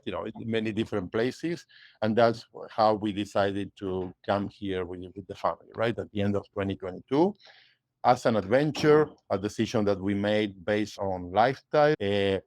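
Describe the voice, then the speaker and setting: A man, a guest in a casual interview, explaining things step by step in a measured way with many fillers. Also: fairly low pitch, no echo. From Argentina. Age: 50s. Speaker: guest, realtor and investor.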